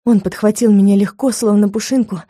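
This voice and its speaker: A woman narrating a first-person audiobook, telling the story in a lively, expressive way. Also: medium pitch, brisk, slightly rough, no room sound, studio quality.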